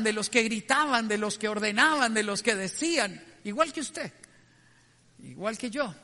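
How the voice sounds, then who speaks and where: A man's voice: extremely high pitch, sharp tone, big-room sound. A man giving a devotional message in an earnest, reflective way, putting direct questions to his listeners. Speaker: preacher.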